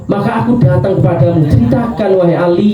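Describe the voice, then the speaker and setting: A man's voice: sits high, fast, dark tone, far from the mic, soft background music, lightly acted. A male preacher voicing a desert Bedouin man who keeps earnestly begging to hear about the Prophet's character. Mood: pleading. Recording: roomy, dull lo-fi recording.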